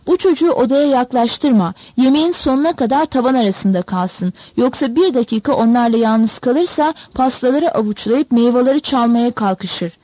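A woman's voice: fairly high pitch, moderate pace, hardly any pauses, dark tone, dry recording, natural voice, poor audio. A woman voicing an angry young man, the harsh older brother, in a storybook reading, scolding and threatening.

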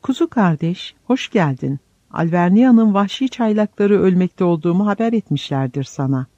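A man voicing a dying gentle old friar. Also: sits high, lively intonation, normal speed, no echo, pitched above the performer's own voice. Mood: tender farewell. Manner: soft, solemn farewells. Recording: slightly dull lo-fi recording.

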